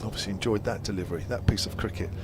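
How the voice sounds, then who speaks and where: A man giving ball-by-ball cricket commentary from a commentary box at a quiet ground, calling each delivery in steady detail. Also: on the low side, racing. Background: aircraft noise overhead.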